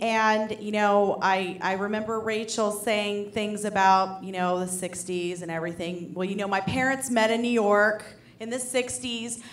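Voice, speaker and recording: Young female stand-up, wry and self-deprecating, higher voice, roomy club sound. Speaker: stand-up comedian. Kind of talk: stand-up comedy set. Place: comedy club stage. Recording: echoey club room.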